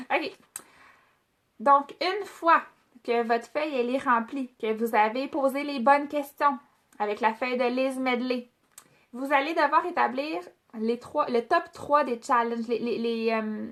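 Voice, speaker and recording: A woman's voice: fairly high pitch, a bit bright. A woman with a Québécois French accent leading a casual product training, chatty, with many fillers and restarts as she speaks directly to her trainees.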